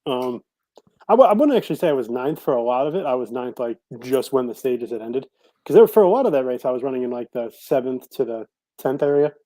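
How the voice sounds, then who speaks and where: A man's voice: medium pitch, sing-song, brisk, mellow, dry recording, low-quality recording. A man co-hosting a casual podcast, recapping his sim race and correcting himself as he goes. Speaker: podcast co-host and sim racer. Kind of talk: casual chat.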